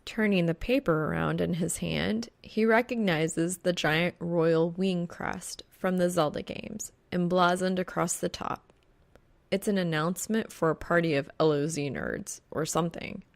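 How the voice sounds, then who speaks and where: Reading from a script, a woman narrates a fan fiction audiobook in an unhurried, fairly even tone. Her voice is a little low for a woman and has a clear creak.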